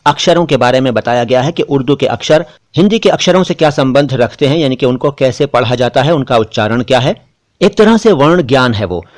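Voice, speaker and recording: A man, hosting a spelling lesson and explaining words slowly and carefully, letter by letter. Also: fairly high pitch. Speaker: Urdu language teacher.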